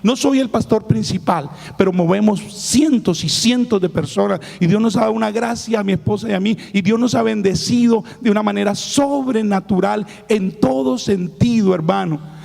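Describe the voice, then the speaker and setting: Male pastor, raspy and gravelly, high-pitched, emphatic testimony sermon in a reverberant hall. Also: moderate pace, a little mellow. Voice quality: hoarse, raspy voice. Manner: emphatic, addresses listeners as brother.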